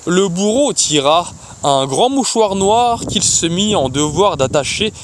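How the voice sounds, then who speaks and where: A man reading a fantasy novel aloud as an audiobook, in a slow, expressive way. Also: sits high, background noise. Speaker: audiobook reader.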